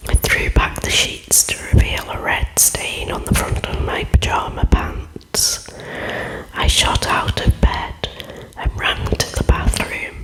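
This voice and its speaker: Slow whispering horror story narrator. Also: low-quality recording. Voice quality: breathy, unvoiced whisper. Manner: hushed, deliberate storytelling.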